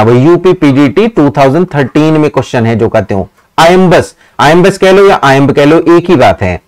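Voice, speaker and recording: Fairly high-voiced male teacher. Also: poor audio. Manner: reads out English questions slowly, explains in Hindi; praises students by name. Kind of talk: live online exam-prep class.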